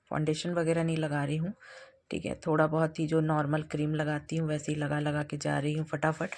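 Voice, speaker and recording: Low-voiced gravelly woman vlogging casually. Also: a little mellow. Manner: chatty, hurried, addresses viewers as guys. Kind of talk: casual vlog chat. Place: at home.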